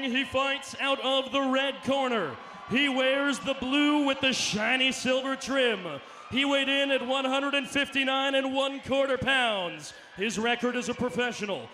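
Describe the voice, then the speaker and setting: A man calls out the fighters with long, booming, drawn-out introductions, slipping in bits of Spanish. His voice sits high and bright. A faint hum runs behind him. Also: poor audio. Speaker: ring announcer. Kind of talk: boxing ring announcement. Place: arena.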